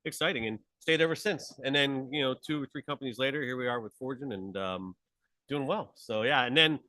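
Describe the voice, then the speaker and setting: A man's voice: mid-range voice, brisk, bright, forceful tone, no room sound, rough recording. A man from Pittsburgh, the conference chair, chatting in a live interview with an upbeat, enthusiastic, rambling manner. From Pittsburgh, USA. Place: conference hall table.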